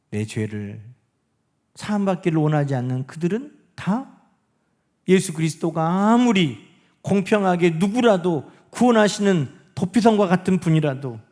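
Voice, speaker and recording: A man preaching from the pulpit in a high voice that leaps up and down. He puts questions to his congregation and moves between ringing emphasis and soft, almost whispered words. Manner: asks the congregation rhetorical questions; swings between loud emphasis and hushed, near-whispered lines. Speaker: pastor. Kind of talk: sermon. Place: church sanctuary.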